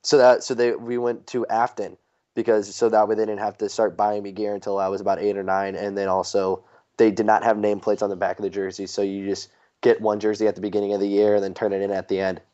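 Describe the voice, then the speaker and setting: A man's voice: on the low side, flat delivery, quick pace, warm tone. A young man from the St. Louis area, co-hosting a podcast and telling long, rambling stories full of fillers. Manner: rambling storyteller with frequent fillers. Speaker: podcast co-host. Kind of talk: casual chat. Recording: dull lo-fi podcast audio.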